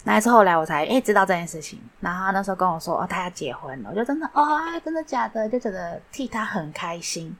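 A woman's voice: lowish voice, expressive, fast, few pauses. A woman hosting a podcast, telling a personal story in a chatty way, full of fillers and asides. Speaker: podcast host. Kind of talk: casual storytelling monologue.

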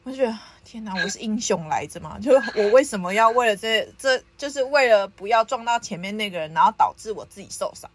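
Lively young woman storyteller. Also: on the high side, a little fast, few pauses. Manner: lively, laughs often while telling the story. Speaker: podcast host. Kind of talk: casual storytelling chat.

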